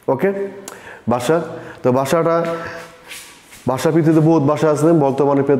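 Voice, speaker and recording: A man's voice: fairly high pitch, dark tone. A male teacher, giving an explanatory classroom lecture. He repeats his points and asks the class rhetorical questions. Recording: echoey room with long reverb.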